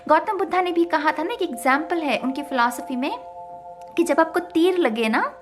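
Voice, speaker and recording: A tarot reader with a high voice talks to her viewers about spiritual ideas at normal speed, faint music playing behind her. She's emphatic, full of rhetorical questions, and mixes English words into her speech.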